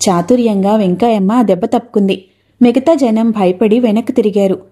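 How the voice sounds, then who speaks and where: A woman narrating a story in a steady, expressive reading voice. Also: medium pitch, a little fast.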